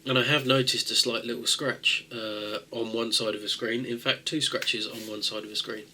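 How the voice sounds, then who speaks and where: Talking viewers through a tech fix, a male video host with a nasal voice from a cold speaks casually and rambles, with many fillers and restarts. His voice is mid-range and steady at normal speed. There is noise in the background.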